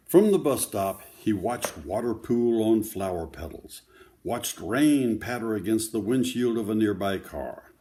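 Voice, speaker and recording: A man's voice: on the low side, warm tone, a little hiss or hum. An older man reads a children's book aloud, breaking off for folksy, casual asides that explain the pictures to young listeners.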